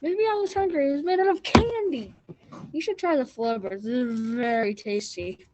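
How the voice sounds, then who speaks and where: A woman's voice: sits high, normal speed, dark tone, a little hiss or hum, lightly acted, poor audio. Woman playing Hansel, a dim overconfident boy. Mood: oblivious. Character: dim, overconfident, greedy fairy-tale boy. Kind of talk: comic children's fairy-tale play.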